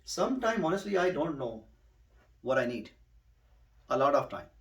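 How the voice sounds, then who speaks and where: A man's voice: on the high side, big pitch swings, recorded from a distance, background noise. Patient male tutor, echoey and off-mic. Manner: patient, repeats words slowly for a student to echo. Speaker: Quran recitation teacher. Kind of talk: one-on-one tutoring. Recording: roomy, a bit off-mic.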